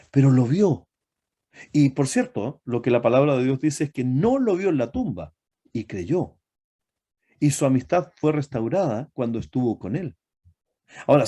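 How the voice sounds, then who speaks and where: A man preaching a sermon to his congregation, often asking them rhetorical questions and pausing on fillers and self-corrections. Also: medium pitch, dark tone, breathy edge.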